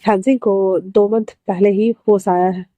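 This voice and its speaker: A woman voicing a remorseful young man who pleads softly for forgiveness in a storybook reading. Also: mid-range voice, fairly even intonation, measured pace, no room sound, lightly acted. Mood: pleading.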